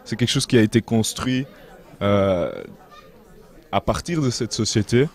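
A young man giving earnest interview answers, measured and pausing to find his words, into a handheld mic in a large indoor hall. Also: fairly low pitch, darkish tone, some chatter behind. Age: young adult. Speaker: interview guest, activist.

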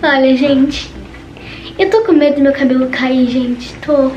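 Teen girl vlogger, high voice, jittery and chatty. Echoey bedroom with household noise behind her. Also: fairly even intonation, measured pace, darkish tone, recorded from a distance, lo-fi sound. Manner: nervous, chatty, says "gente" constantly. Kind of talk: casual vlog chat. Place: bedroom at home. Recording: echoey room with background noise.

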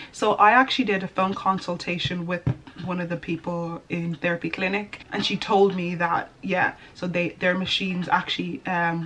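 A young beauty vlogger talks casually to a camera placed in front of her at desk distance in a small bedroom, rambling and frequently correcting herself. Her voice is fairly low-pitched and a bit bright, and the rough recording carries a little hiss or hum.

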